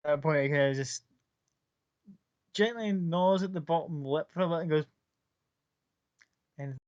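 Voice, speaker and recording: A man's voice: on the high side, moderate pace, clean tone. A man narrating a tabletop game as game master in a loose, casual way. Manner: casual, loose, many "kind of, like" fillers. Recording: muffled lo-fi recording.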